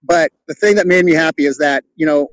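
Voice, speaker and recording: Man, middle-aged, from California, fast rambling storyteller, bit high voice, dry close sound. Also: dry recording, low-quality recording. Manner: rambling, lots of "you know", acts out quotes. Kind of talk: casual storytelling interview.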